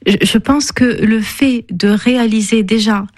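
A woman's voice: on the high side, unhurried. A woman speaking as an expert guest in a radio interview, explaining carefully and rephrasing as she goes. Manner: careful, reformulates and builds in lists.

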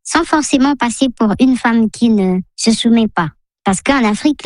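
Une femme de la RDC à l'congolais laisse un message sur le répondeur d'une émission de radio. Sa voix est passée dans un modificateur de voix pour rester anonyme, et elle parle posément avec de petites hésitations. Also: female voice, fairly high pitch, a little mellow, dry recording. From DR Congo. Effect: voice altered by a voice changer to hide her identity. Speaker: caller leaving a voicemail. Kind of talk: recorded phone message to a radio show.

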